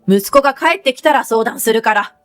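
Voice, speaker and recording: A woman voicing a shrill, indignant older mother-in-law in a read-aloud story. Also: sing-song, a little slow, faint music behind, heavily acted.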